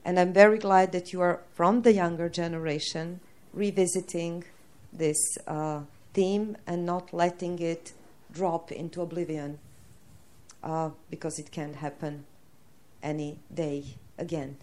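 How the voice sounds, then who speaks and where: A woman's voice: fairly low pitch, fairly even intonation, a little slow, darkish tone. A woman from Serbia, an activist in the audience giving an earnest, emphatic comment and question.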